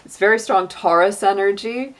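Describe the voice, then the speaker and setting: A middle-aged woman with a medium-pitched voice gives a casual tarot reading at a normal speed. She's chatty, laughs often, and leans heavily on "you know" and "like".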